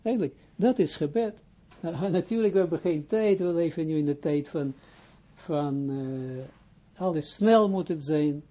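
A rabbi giving an informal spoken lesson, a man who talks haltingly, restarts his phrases and keeps asking whether he is understood. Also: a little high, warm tone, lo-fi sound. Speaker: rabbi teaching Kabbalah.

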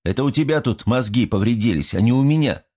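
A man's voice: mid-range voice, lively intonation, quick pace, a little mellow, pitched above the performer's own voice, lightly acted. A man voicing a young male hero who answers earnestly and defensively in an audiobook. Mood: indignant. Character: young male hero, puzzled but stubborn. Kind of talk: audiobook character voice.

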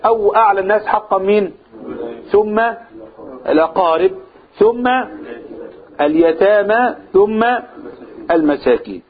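Fast, high-voiced Egyptian man teaching. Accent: Egyptian Arabic. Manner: asks the audience questions, repeats key phrases. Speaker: religious teacher. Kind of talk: explaining a religious text to a class. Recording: tinny phone-like, husky sound.

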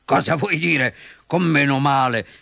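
Brief: a sly, vengeful fox, as a male narrator puts him on, gloating, slow and raised, storybook. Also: mid-range voice, expressive, vocal fry, a bit bright, husky, no room sound, studio quality, exaggerated voice. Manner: gloating, chuckling.

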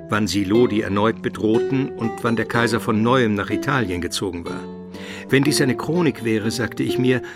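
A male actor with a mid-range voice, close to how he would normally talk, narrates a radio drama as a learned Byzantine chronicler. His delivery is measured, precise, and literary.

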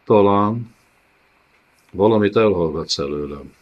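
A man's voice: lowish voice, animated, dull audio, pitched above the performer's own voice, close to an everyday voice. A man voicing a grim male nomad warrior who talks in curt, skeptical, commanding lines. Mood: suspicious.

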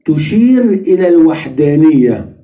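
A man's voice: on the high side, big pitch swings, moderate pace, dark tone. A man with an Egyptian Arabic accent giving a religious study lesson, asking questions and answering them himself, repeating each point. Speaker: religious teacher.

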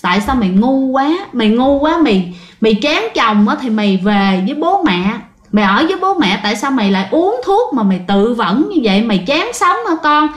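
Woman voicing an anguished, scolding mother in a spoken ghost story; high and echoey. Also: very animated, a little fast. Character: scolding distraught mother of a grown daughter.

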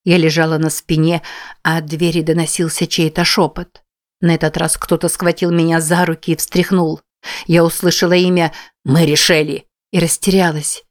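A woman's voice: sits low, little pitch movement, normal speed. A woman narrating a tense first-person audiobook.

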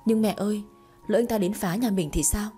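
A woman's voice: medium pitch, fairly quick, warm tone, faint music behind, natural voice. Woman reading as a frightened young wife. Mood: fearful. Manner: fearful, pleading.

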